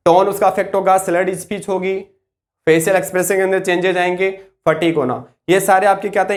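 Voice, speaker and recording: A male nursing tutor giving an exam-focused lecture. He keeps asking questions and answering them himself, and slows to stress key terms word by word. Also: high voice.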